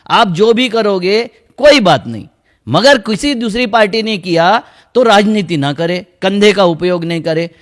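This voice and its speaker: Fiery high-voiced man, farmers' union leader. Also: a bit bright. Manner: fiery, accusing, addresses the listener directly. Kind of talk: impassioned political speech to camera.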